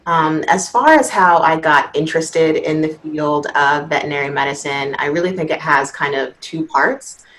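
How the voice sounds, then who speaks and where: A young woman in her twenties from Washington, D.C., a veterinary student, telling her story softly on a video-call panel, with frequent "um"s. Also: low-pitched, normal speed, hardly any pauses, low-quality recording. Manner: soft-spoken, frequent "um".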